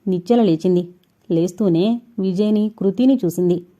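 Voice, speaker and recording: A woman narrating a suspense audio novel with steady, suspense-building storytelling. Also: medium pitch, normal speed. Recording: dull lo-fi recording.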